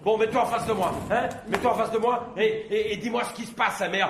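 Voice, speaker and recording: A man's voice: high voice, steady tone, quick pace, roomy sound, noisy background. An actor playing a nervous, jealous husband who snaps and bosses his friend while spying, in a stage comedy. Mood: jittery jealousy. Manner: nervous, bossy whispering and snapping. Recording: theatre stage, live audience audible.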